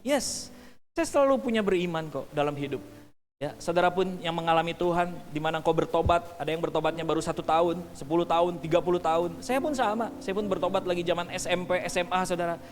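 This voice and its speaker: Male pastor, high voice, animated sermon with acted-out scenes and call-and-response, long hall reverb. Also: a little hiss or hum. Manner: animated, acts out hurried family scenes; calls the congregation to repeat words. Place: church hall.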